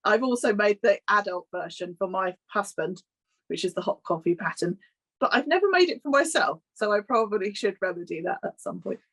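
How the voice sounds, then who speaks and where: A woman in her thirties answers questions in a relaxed, unhurried way. Her voice sits at a middle pitch, and she pauses with ums and small laughs as she thinks. She is talking over a video call. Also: breathy edge, low-quality recording. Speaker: guest. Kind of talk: casual interview chat.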